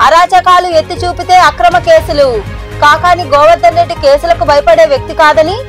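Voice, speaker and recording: A woman with a Telugu accent reads the news in a high, quick, formal voice. Music runs clearly underneath her the whole time. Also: fairly even intonation. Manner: brisk, formal bulletin delivery. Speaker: news anchor. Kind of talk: scripted news reading.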